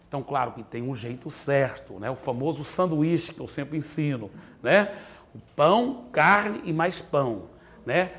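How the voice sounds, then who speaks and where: A man with a Brazilian Portuguese accent teaching a church parenting class in a sermon style. He acts out short parent and child exchanges and moves between loud emphasis and soft, quiet asides. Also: on the high side, animated, measured pace.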